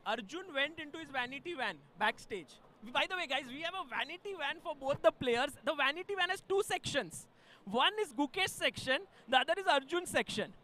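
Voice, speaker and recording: A man with an Indian accent giving animated, agreeable live chess commentary. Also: extremely high pitch.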